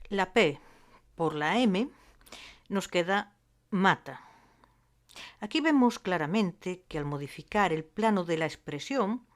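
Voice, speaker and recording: A woman gives a phonetics lesson. She speaks very slowly and deliberately, pausing between each term as she breaks sounds down. Her voice sits at a middle pitch. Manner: slow and deliberate, spelling out sounds with pauses. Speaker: language teacher.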